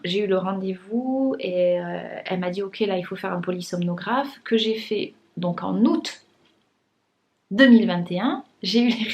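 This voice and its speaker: A young French woman chats casually to the camera for her vlog viewers, her mid-range voice carrying a darkish tone. Her nose sounds blocked and congested, and she uses many fillers and restarts.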